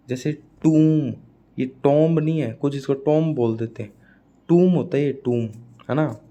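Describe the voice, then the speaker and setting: Casting: young Indian male exam tutor, Hindi-accented English, slow deliberate delivery, repetitive drilling. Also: medium pitch, darkish tone. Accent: Hindi-speaking Indian English. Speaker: exam prep teacher. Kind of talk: classroom lecture on phonetics.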